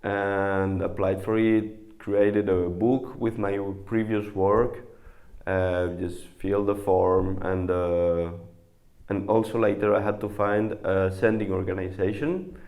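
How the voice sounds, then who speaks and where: A man, his voice low and gravelly. His delivery is halting and full of fillers as he talks to camera about his volunteer work. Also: fairly even intonation, darkish tone. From Spain. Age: 20s. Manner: halting, many pauses and fillers. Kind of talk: interview to camera.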